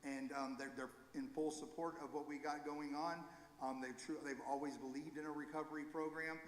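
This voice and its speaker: A man leading a recovery ministry gives an informal, earnest church talk, halting and correcting himself as he goes. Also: a little high, level tone, a little hiss or hum. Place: church sanctuary. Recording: echoey hall with long reverb.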